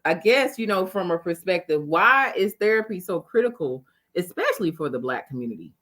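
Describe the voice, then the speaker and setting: A woman's voice: fairly low pitch, very animated, brisk, a bit bright. Casual Southern woman interview host. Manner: casual, leaning on "you know". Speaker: chamber of commerce interview host. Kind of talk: live interview hosting.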